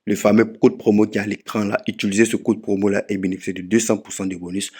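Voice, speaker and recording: A man's voice: on the low side, level tone, quick pace, darkish tone, husky. A man with an Ivorian French accent who gives a casual step-by-step tutorial and keeps repeating key points for emphasis. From Ivory Coast. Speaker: betting tips YouTuber. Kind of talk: casual screen-walkthrough tutorial.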